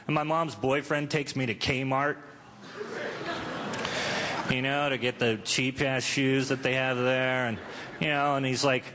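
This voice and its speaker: Unhurried and steady, with long pauses, a medium-pitched man in his thirties delivers crude, self-deprecating stand-up in a conversational style. It's a live show recorded in a club, with a noisy audience and crowd ambience in the background.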